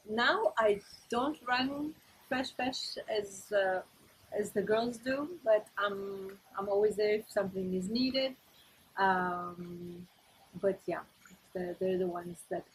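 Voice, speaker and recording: A woman's voice: mid-range voice, slow pace, slight background noise, rough recording. A middle-aged woman from Ethiopia answering interview questions in a casual, hesitant way with many fillers.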